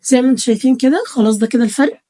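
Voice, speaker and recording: Fast-talking Egyptian woman vlogger. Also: fairly high pitch, mellow. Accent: Egyptian Arabic. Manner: chatty, addresses viewers as girls. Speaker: beauty vlogger. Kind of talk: casual tutorial talk to camera. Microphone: phone camera held close.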